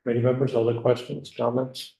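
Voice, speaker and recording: A man chairing a legislative committee meeting, running the votes briskly. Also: medium pitch, flat delivery, vocal fry, warm tone, roomy sound, low-quality recording. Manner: brisk procedural.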